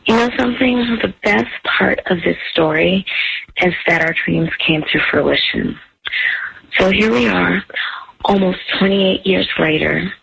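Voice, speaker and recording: A woman's voice: fairly low pitch, gravelly, fairly bright tone, breathy edge. A woman in her forties leaves a fond, reminiscing voicemail, heard over a landline phone. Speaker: caller leaving a voicemail. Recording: muffled phone line with faint hiss.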